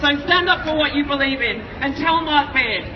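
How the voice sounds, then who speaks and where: A high-pitched woman speaks as an urgent activist at an outdoor protest rally. She drives points home with emphatic repetition. Her voice echoes from a distance, over crowd and traffic noise. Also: lively intonation, normal speed, lo-fi sound. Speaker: wildlife volunteer group representative, protest speaker.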